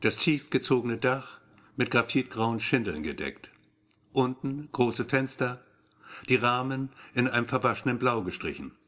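A man narrating a novel in the first person. His delivery is wry and brooding, like an inner monologue. His voice sits at a middle pitch for a man. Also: lively intonation, unhurried, fairly bright tone. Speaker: audiobook narrator.

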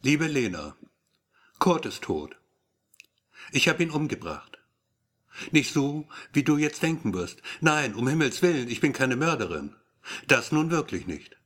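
A man's voice: mid-range voice, sing-song, unhurried, long pauses, a bit bright. A man reading the letter of a sweetly sinister woman in an audiobook, with a sugary, insinuating manner.

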